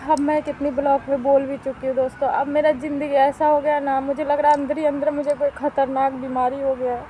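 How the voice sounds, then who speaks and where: A middle-aged woman with a high but mellow voice talks to her viewers in a plaintive, complaining home vlog. She keeps going back over the same grievances. Faint street and vehicle noise sits behind her. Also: flat delivery, a little fast, low-quality recording. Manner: plaintive, complaining, repeats herself. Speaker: vlogger. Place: at home by a wood stove, outdoors.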